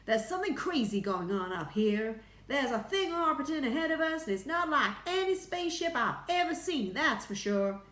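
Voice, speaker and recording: A woman voicing a flustered, earnest male astronaut in a storybook, crying out emphatically in excitement. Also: sits high, a little slow, hardly any pauses, reverberant, voice pushed up, exaggerated voice. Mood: amazed, insistent.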